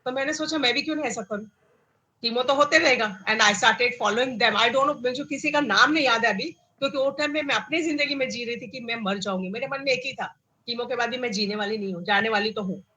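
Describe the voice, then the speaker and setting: A middle-aged woman with an Indian accent recounts her own story, her voice bright and forceful. She sits a little above the usual pitch for a woman and tells it in an animated way, slipping into English phrases as she goes. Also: fairly quick, rough recording. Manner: animated, acts out quoted dialogue, mixes in English phrases. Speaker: cancer survivor guest. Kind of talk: personal storytelling.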